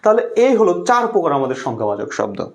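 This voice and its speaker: A man's voice: medium pitch, very animated, rapid-fire, lo-fi sound. A male language teacher giving an online class lecture, repeating key words and asking students to comment.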